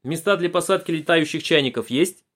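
A man voicing Bulochkin, a zealous middle-aged male detective in a storybook, speaking in a loud, eager reporting tone. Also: a little high, fairly quick, pitched above the performer's own voice, natural voice.

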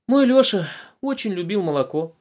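A man's voice: high-pitched, sing-song, normal speed, a little mellow, voice pushed up. A man voicing a strict grandmother who favours sport, giving firm, clipped answers in a storybook.

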